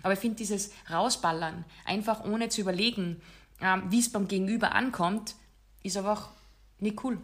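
A woman's voice: medium pitch, moderate pace. A woman hosting a casual podcast chat, talking in an emphatic, direct way. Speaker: podcast host.

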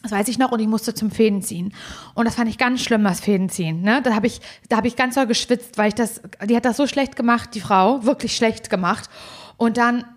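A woman's voice: fairly high pitch, brisk. A young woman co-hosting a podcast, telling a story in casual chat and acting out the dialogue. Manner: animated storytelling, acts out quoted dialogue. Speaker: podcast co-host.

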